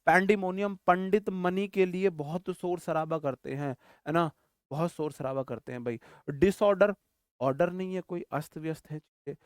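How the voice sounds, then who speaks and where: A male English vocabulary teacher giving a classroom lecture in an animated way, repeating words, firing off quick questions and joking memory tricks, and calling his students brother. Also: sits high, clean tone, dry recording, studio quality. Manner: jokey memory tricks, calls listeners brother.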